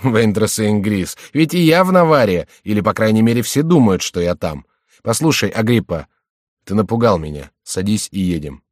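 A man's voice: fairly low pitch, animated, normal speed, no room sound, studio quality, lightly acted. A man voicing an amorous young king, effusive and declamatory, in an audiobook reading. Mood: teasing. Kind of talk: audiobook character voice.

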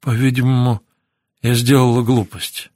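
A man reading the lines of a weak, remorseful young woman in a hospital bed, speaking quietly and in a subdued, near-whispered way. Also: medium pitch, flat delivery, normal speed, no room sound, studio quality, close to an everyday voice. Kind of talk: audiobook character reading.

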